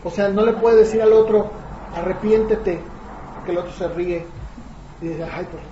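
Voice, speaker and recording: A man's voice: high voice, fairly even intonation, normal speed, mellow, slight background noise. A man preaching a conversational sermon, often asking the congregation rhetorical questions. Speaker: pastor. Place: church hall. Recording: echoey, dull lo-fi church room recording.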